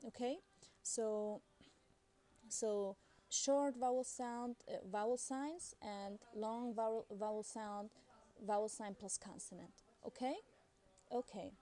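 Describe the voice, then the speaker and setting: A woman talks through a beginner's language lesson. Her voice is mellow and warm, and she explains patiently. She often pauses on fillers and restarts her sentences. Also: on the high side, fairly even intonation. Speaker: Arabic language teacher. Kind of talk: casual recorded lesson.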